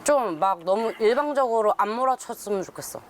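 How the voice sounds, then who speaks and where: A woman's voice: a little high, animated, a little fast, a little hiss or hum. A woman, the daughter in a documentary, talking informally and emotionally with her father. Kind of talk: casual family talk.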